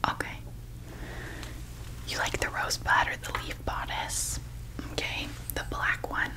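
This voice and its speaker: A woman doing a whispered role-play as a gentle fairy designer attending to a customer, in a soft breathy voice. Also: moderate pace, rough recording. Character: gentle female fairy designer showing customer clothes and crowns.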